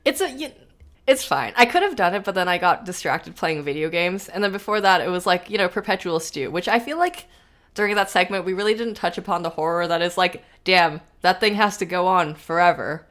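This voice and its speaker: A woman's voice: fairly low pitch, lively intonation, fairly quick, fairly bright tone. A woman hosting a podcast in casual chat, rambling and self-deprecating with frequent laughs. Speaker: podcast host.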